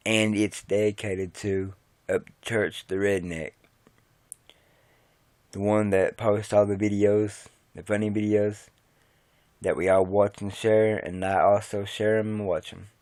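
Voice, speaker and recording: A man quietly introducing a song he is about to sing, in a casual, low-key way to the camera. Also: little pitch movement, measured pace, dry recording. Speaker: amateur singer introducing a song.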